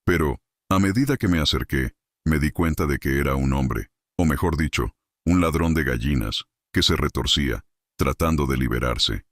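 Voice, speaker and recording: A man narrating a horror story in a dramatic, measured storytelling manner. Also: extremely low pitch, no room sound, clean studio sound.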